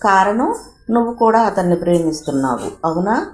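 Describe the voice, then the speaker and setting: A woman's voice: medium pitch, very animated, moderate pace, a little mellow, faint music behind, close to an everyday voice. A woman voicing a young woman friend who talks bluntly and playfully. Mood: probing. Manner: direct, playful. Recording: roomy echo.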